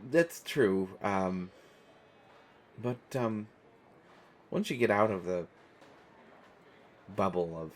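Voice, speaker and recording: An American man with a low-pitched voice plays an awkward, kindly stranger in an intimate, casual one-sided audio roleplay. His conversational acting is hesitant and halting, full of trailing pauses and self-corrections, with slight background noise.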